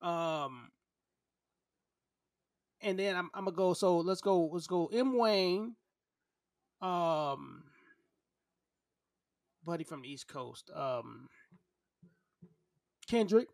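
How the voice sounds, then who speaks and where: A man's voice: high-pitched, lively intonation, very slow, gravelly, pauses often, dry recording, clean studio sound. A man in his thirties chatting casually as a podcast co-host, arguing his opinions emphatically and repeating himself for stress. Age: 30s. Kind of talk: casual opinionated debate chat.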